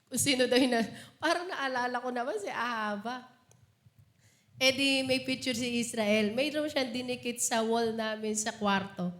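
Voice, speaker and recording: A woman with a high, bright-pitched voice preaches a sermon, moving between earnest teaching and laughing over personal stories. Her voice rings out in an echoey church hall. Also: moderate pace.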